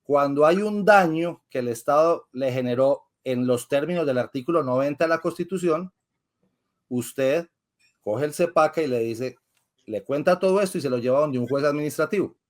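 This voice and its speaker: A man's voice: fairly high pitch, normal speed. A man, a lawyer guest in an interview, who explains patiently like a teacher and asks and answers his own questions. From Colombia.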